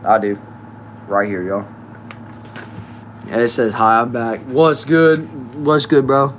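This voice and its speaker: A nineteen-year-old man reading viewer comments aloud in a relaxed, chatty live stream, often trailing off quietly. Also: mid-range voice, slow pace, slight background noise. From United States. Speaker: livestreamer.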